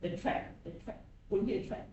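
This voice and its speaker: A woman lecturer questioning students in class, repeating their names back slowly. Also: darkish tone, muffled recording. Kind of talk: classroom introductions. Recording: echoey classroom, far from the mic, with noise.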